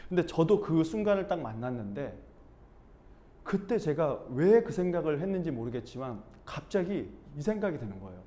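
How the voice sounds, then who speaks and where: Lively man from coaching speech. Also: fairly high pitch, moderate pace. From Busan, South Korea. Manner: animated, acts out quoted dialogue in voices. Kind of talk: talking-head lesson, storytelling.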